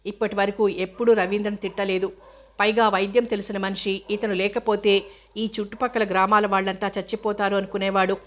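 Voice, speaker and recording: Woman, novel narration, steady reading, mid pitch, flat intonation. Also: fairly quick. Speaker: audiobook narrator.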